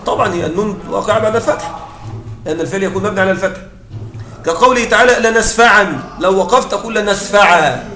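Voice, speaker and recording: High-voiced man teaching grammar, echoey. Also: a bit bright. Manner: explanatory, checks in with listeners often; halting restarts mid-word. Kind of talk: Arabic grammar lecture.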